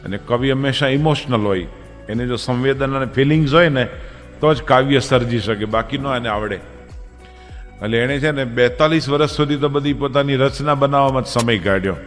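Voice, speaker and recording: A monk with a Gujarati accent tells humorous stories during a religious discourse, acting out characters with shifting voices. His voice is medium-pitched and moderately paced, heard in a big-room sound with faint music in the background.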